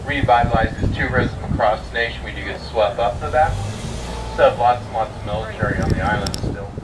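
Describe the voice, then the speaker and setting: A man's voice: fairly low pitch, a little fast. A man narrating a sightseeing tour from an open-air tour train, rambling with many fillers and light jokes. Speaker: tour guide. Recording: distant voice over vehicle and street noise.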